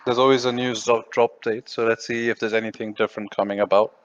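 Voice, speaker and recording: A man's voice: medium pitch, little pitch movement, fast, muffled recording. A man co-hosting a gaming podcast in casual chat, giving brief easygoing replies. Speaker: podcast co-host.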